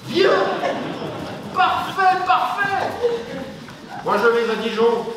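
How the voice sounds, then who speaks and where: An actor as a didactic coach of manners. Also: male voice, sits high, moderate pace, natural voice. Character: man coaching others in aristocratic manners. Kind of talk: film acting. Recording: echoey, distant film sound, faint noise.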